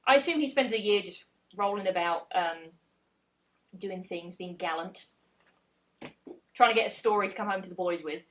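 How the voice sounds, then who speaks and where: A woman in her twenties casually retelling a folk tale on a podcast, sweary and giggly, dropping into quick voices for the characters. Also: medium pitch, fairly bright tone. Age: 20s. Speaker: podcast co-host.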